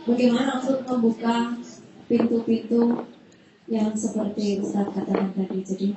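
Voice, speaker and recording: A young woman in the audience asks a question hesitantly, with many pauses and fillers. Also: fairly high pitch, level tone. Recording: very echoey, noisy, off-mic.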